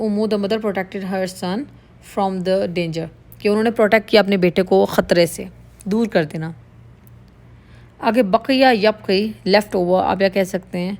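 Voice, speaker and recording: Speaking at a medium pitch with a darkish tone, a woman teaches Arabic words in Urdu laced with English. Her manner is patient: she explains every word slowly and repeats it.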